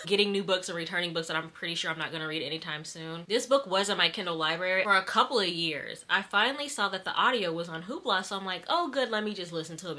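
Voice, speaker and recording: A woman vlogging casually about her reading at home, chatty and animated as she talks straight to her viewers. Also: lowish voice. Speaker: book vlogger. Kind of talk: casual vlog chat. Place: indoors at home.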